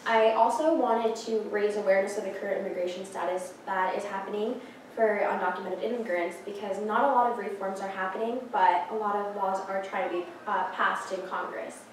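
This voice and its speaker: Her voice is mid-range with fairly even intonation and a brisk pace, heavily reverberant against a noisy background. She's a Peruvian student in her late teens giving an earnest class presentation with frequent ums and restarts, filmed from far away in a classroom with a projector screen.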